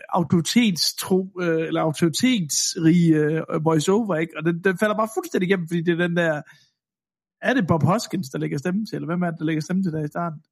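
Danish guy on a movie podcast, kinda high voice, laughs a lot, does silly accents. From Denmark. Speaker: podcast co-host. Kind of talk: casual film chat.

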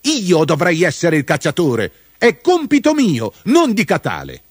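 A man's voice: medium pitch, wildly swooping pitch, normal speed, slightly rough, dry recording, studio quality, full character voice. Mudube, a hot-headed boy, as a man puts him on. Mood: angry. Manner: shouting, indignant. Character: young headstrong boy, quick to anger.

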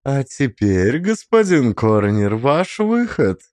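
A man voicing a calm, mocking woman mentor who speaks slowly and with a superior air, in an audiobook. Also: mid-range voice, dry recording, studio quality. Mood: commanding.

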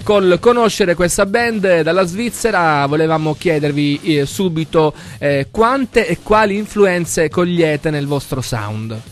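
A man's voice: a little high, animated, measured pace, few pauses, soft background music. A man hosting a live radio interview, polite and encouraging with the guest. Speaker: radio host.

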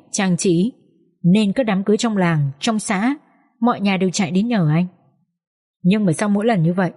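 A woman narrating a dramatic story with steady, expressive reading. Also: mid-range voice, husky, big-room sound. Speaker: audiobook narrator.

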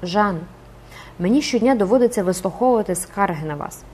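A woman's voice: mid-range voice, animated, fairly quick, darkish tone, slight background noise, lightly acted. A woman reading the lines of a stern, cold male archdeacon in an audiobook. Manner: cold, reproachful.

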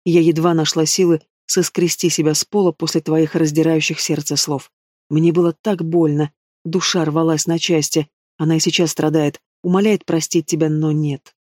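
A man voicing a hot-tempered young woman mage in an audiobook, speaking in sharp, indignant outbursts. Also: on the high side, flat delivery, normal speed, no echo, clean studio sound, natural voice.

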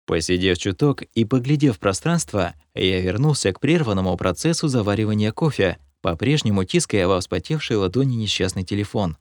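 Man, audiobook narrator, first person, wry, self-mocking, lively pitch, dry close sound. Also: brisk, hardly any pauses, no room sound.

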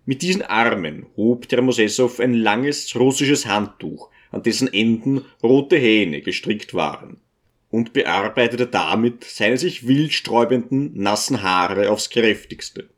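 Guy narrating an old novel, calm and even, mid pitch. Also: measured pace. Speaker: audiobook reader. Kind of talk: scripted narration.

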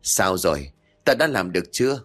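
A scheming old sorcerer, as a male storyteller plays him, gruff and demanding. His voice is low and moves a lot in pitch, over quiet music. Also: very animated, a little fast, full character voice.

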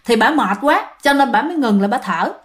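A woman's voice: a little high, animated, fairly quick. A woman telling a ghost story casually, talking directly to her listeners. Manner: chatty, addresses listeners directly.

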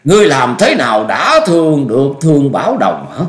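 A man voicing a bitter old male martial master who rages and gloats in a shrill, cackling voice. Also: huge pitch swings, slow pace. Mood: raging. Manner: raging, gloating laughter. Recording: echoey room.

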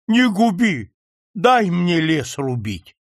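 A man's voice: high-pitched, very animated, slow pace, no room sound, clean studio sound, voice pushed up, full character voice. A man reading an audiobook, voicing a desperate male merchant who begs and wails for mercy. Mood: pleading. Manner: wailing, begging.

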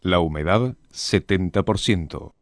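A man putting on a solemn radio time announcer, reading the hour and weather slowly and stately. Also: low-pitched, no room sound, studio quality, voice pushed down. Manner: slow, stately.

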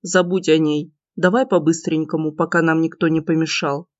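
Woman doing a smug teasing young guy, low murmury voice, dull dry sound. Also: flat delivery, normal speed, no echo. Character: cocky teasing young man, the heroine's lover. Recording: dull, slightly lo-fi dry recording.

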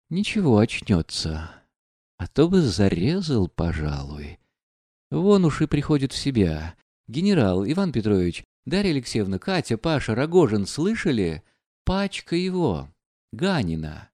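A proud, reckless young woman, bitter and commanding, her voice lifted well above the reader's own, as a male narrator puts her on. She rings out high and sharp over a dry, close recording. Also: no room sound. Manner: raised voice, commanding and mocking. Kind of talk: audiobook reading.

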